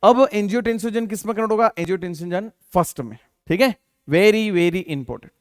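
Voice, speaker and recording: A man's voice: high-pitched, fairly quick, dry recording, studio quality. A man teaching a biology exam-prep lesson. He asks his students questions, answers them himself, and keeps repeating the key terms with lots of fillers. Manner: calls listeners beta, many fillers like theek hai. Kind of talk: Hindi exam-prep lecture.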